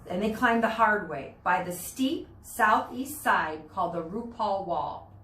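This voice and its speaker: A teacher reads a children's nonfiction book to her students in a medium-pitched, expressive, slightly bright voice. She pauses to explain the words and pictures. The mic is far away in a roomy space, and there's background noise.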